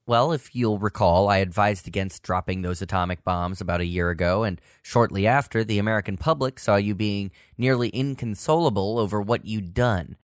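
A man's voice: on the low side, normal speed, hardly any pauses, clean tone, no echo, studio quality, close to an everyday voice. A man playing a worried, deferential Secret Service agent in a satirical sketch, pleading formally and politely. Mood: respectful pleading. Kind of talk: scripted satirical sketch acting.

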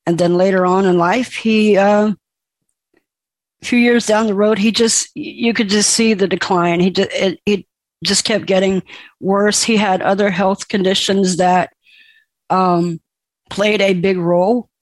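A woman telling her own life story as a personal testimony, speaking in a halting, emotional way. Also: mid-range voice, fairly even intonation, no echo.

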